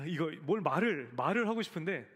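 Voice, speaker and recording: A man's voice: on the high side, slightly rough. A man in his forties preaching a sermon to a young adult congregation, telling a family story and acting out the voices in it. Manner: storytelling, acts out quoted voices; addresses the congregation directly. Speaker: pastor. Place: church hall. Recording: long church reverb.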